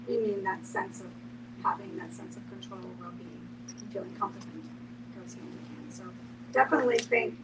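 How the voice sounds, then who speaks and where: In a noisy recording marked by background hum and a distant mic, a podcast panelist shares her reflections during a group discussion. She has a medium-pitched voice and a moderate pace, and she often says "you know."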